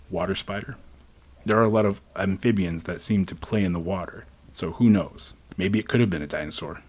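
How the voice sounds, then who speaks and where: A man from the southwestern United States hosting a podcast in a conversational urban legend teller manner. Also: low-pitched. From southwestern United States, Navajo Nation. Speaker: podcast host.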